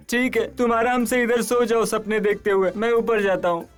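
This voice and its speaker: A man's voice: sits high, steady tone, slow. An actor dubbing a weary, sarcastic young male roommate who grumbles about lost sleep. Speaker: dubbed film character. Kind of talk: Hindi film dubbing. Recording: film soundtrack with faint music.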